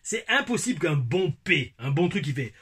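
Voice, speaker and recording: A man's voice: fairly high pitch, very animated, moderate pace, fairly bright tone, slight background noise. A young adult man chatting casually on his vlog as a wrestling show reviewer, telling stories in slang with a rambling manner and many restarts. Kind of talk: casual vlog chat and storytelling.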